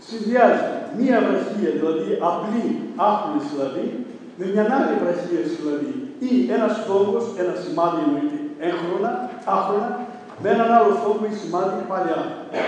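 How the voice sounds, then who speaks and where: A man with a high, mellow voice lectures in a measured, teacherly way, slowing down to stress key terms. He sounds distant from the mic in a large hall with a long, roomy echo. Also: a little hiss or hum. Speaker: lecturer on chant rhythm. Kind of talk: formal lecture. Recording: echoey hall, voice far from the mic.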